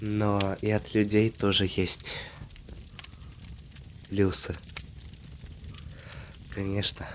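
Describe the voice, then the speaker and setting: A man playing a tender, devoted half-vampire husband in a soft ASMR romantic role-play, speaking intimately with hesitant pauses. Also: on the low side, monotone, a little hiss or hum. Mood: calm, musing.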